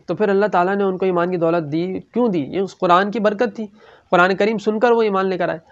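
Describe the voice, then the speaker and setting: A man giving a religious lecture, telling stories and reciting scripture, sometimes dropping to a hush for quoted voices. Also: high-pitched, fairly even intonation, highs cut off. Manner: storytelling, acts out quoted voices, drops to hushed tones. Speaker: Islamic speaker.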